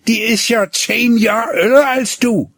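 A man's voice: very high voice, steady tone, measured pace, dry recording, clean studio sound, pitched above the performer's own voice, full character voice. A man playing a cheeky pert farm girl. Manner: pert, teasing, sharp retorts.

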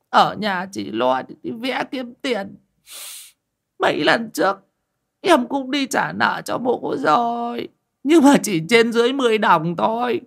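A man's voice: fairly low pitch, a bit bright, slightly rough, exaggerated voice. A male narrator voicing a desperate bald old man who begs for a loan, stammering and close to tears. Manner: stammering, whining plea. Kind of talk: audiobook character voice.

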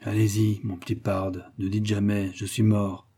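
A bold frontier scout in a storybook reading, commanding and sure of himself, voiced by a man narrating. The tone is mellow and dark, with a husky edge. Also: on the low side, a little fast. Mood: murmuring. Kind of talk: audiobook character reading.

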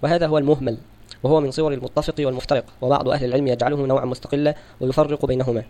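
Fast, flat-voiced man reading a text. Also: mid-range voice. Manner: steady formal recitation. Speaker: audiobook reader. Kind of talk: scripted reading of a religious text.

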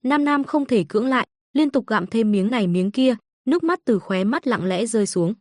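A woman narrating an audio novel in a steady, even storytelling manner. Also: fairly high pitch, moderate pace, no echo, clean studio sound.

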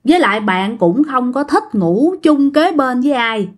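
A woman's voice: high-pitched, normal speed. A woman telling a ghost story to her listeners, acting out the voices of the people in it. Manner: lively, acts out the quoted voices. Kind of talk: storytelling to an audience.

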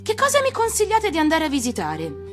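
A woman's voice: very high voice, huge pitch swings, a little fast, soft background music, voice pushed up, exaggerated voice. A woman voicing a curious little boy prince in a storybook, earnest, polite and full of wonder. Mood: eager.

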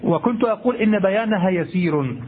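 A man's voice: sits high, animated, a little fast, phone-quality sound, slight background noise. A man teaching a grammar lesson, explaining patiently, repeating points and checking with his listeners, at times chanting memorized verse. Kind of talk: classroom lecture.

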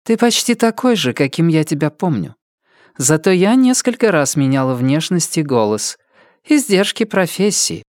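A man's voice: on the high side, very animated, moderate pace, darkish tone, dry recording, clean studio sound, voice pushed up. A man voicing a composed woman pirate captain in an audiobook.

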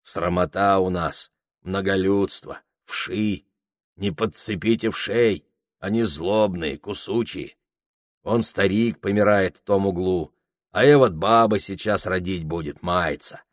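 Fawning, poor barrack dwellers complain about their misery in a low, humble tone, as a male reader voices them. The delivery is slow and close, with a dry sound. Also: dry recording, heavily acted. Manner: plaintive, humble.

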